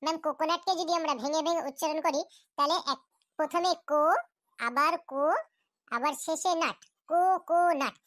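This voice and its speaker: A woman's voice: high voice, brisk, long pauses, fairly bright tone. A woman voicing an eager young schoolgirl in a cartoon class, dutifully reciting her answers to the teacher.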